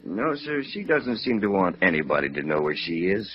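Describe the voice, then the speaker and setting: In a 1950s radio drama, a man plays a gossipy but guarded American apartment manager, wisecracking in colloquial everyday slang. His deep voice is sing-song at a moderate pace, with a crowd audible behind him. The vintage radio recording sounds muffled.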